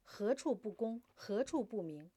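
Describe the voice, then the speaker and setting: A woman voicing a stern, commanding old male clan elder who speaks slowly and weightily. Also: medium pitch, mellow, a little hiss or hum, natural voice.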